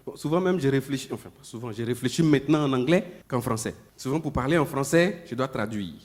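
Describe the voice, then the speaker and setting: A man preaching a sermon, talking conversationally with the congregation, repeating himself, and moving between loud emphatic peaks and low murmured asides. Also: lively intonation, fast talker. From Ivory Coast.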